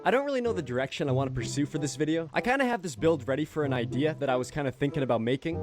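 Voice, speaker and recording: A young man giving crude, self-mocking commentary over a video game while losing his voice. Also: on the high side. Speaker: gaming YouTuber. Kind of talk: casual gameplay commentary.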